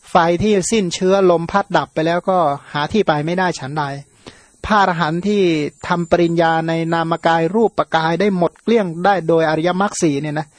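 Monk from thailand giving a dharma talk, khmer native speaker, high voice, dry close sound, lots of fillers. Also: male voice, brisk, no room sound. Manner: explanatory, repeats words to stress them, frequent fillers. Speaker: Buddhist monk. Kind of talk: Dharma sermon.

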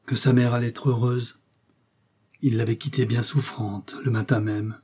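Dark, husky male storyteller. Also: medium pitch, fairly even intonation, moderate pace. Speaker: audiobook reader. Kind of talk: reading a classic short story aloud.

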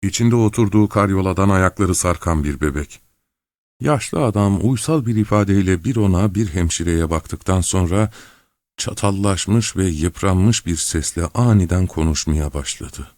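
A man reading a novel aloud as an audiobook narrator, steady and measured. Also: low-pitched, no echo. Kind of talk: scripted narration.

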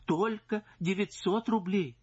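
A man voicing a distraught, indignant married noblewoman who pleads and accuses in a shrill, strained voice. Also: slow pace, a little mellow, slightly rough, dull audio, heavily acted. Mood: pleading.

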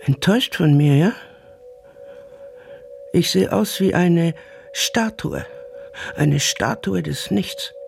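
A woman's voice: lowish voice, slow pace, vocal fry, long pauses, darkish tone, slight background noise, exaggerated voice. A woman playing a lonely, half-paralyzed aging mother in a radio drama, pleading with her returned son. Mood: bitter pleading. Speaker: mother figure in a radio play.

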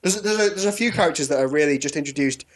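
A man's voice: fairly high pitch, lively intonation, rapid-fire. A man in a casual chat who often stammers as he starts a sentence and laughs a lot while he talks. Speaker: podcast co-host.

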